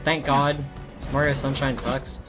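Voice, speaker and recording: A man's voice: medium pitch, level tone, unhurried. A man giving casual, joking gameplay commentary, sarcastic and sweary. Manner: sarcastic, profane. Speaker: gaming channel commentator. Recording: game music under commentary.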